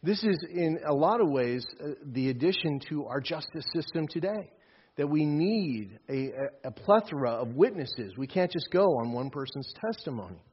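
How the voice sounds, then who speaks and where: A man's voice: on the high side, very animated, normal speed, breathy edge. A man preaching a sermon emphatically, repeating phrases for stress. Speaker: pastor. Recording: dull lo-fi recording.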